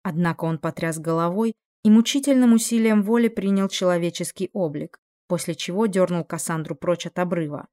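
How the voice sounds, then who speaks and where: A woman's voice: on the low side, brisk, hardly any pauses, dark tone. A woman narrating a dramatic fantasy audiobook expressively, acting out the dialogue. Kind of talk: dramatic fiction reading.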